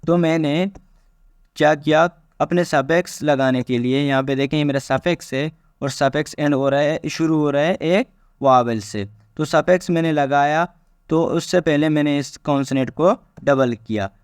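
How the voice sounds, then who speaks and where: A man teaching English spelling rules. He reads each rule slowly and then explains it in a casual way, repeating himself as he goes. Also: a little high, clean tone, no echo, clean studio sound. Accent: Pakistani. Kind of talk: spelling lesson explained step by step.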